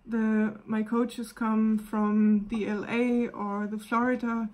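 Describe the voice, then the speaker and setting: A woman with a German accent, a wellness coach gently talking through a casual live video demonstration and often pausing to search for words. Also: fairly high pitch, flat delivery.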